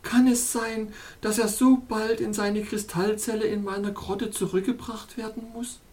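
A reader voicing a tender young princess of an ice realm in an audiobook, speaking softly and pleadingly. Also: medium pitch, little pitch movement, moderate pace, pitched above the performer's own voice, natural voice. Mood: sorrowful. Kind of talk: audiobook character voice.

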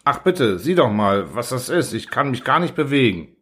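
A man reading a hungover, self-pitying and somewhat pompous man stuck in bed, in a plaintive, higher voice. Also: sing-song, moderate pace, a bit bright, breathy edge.

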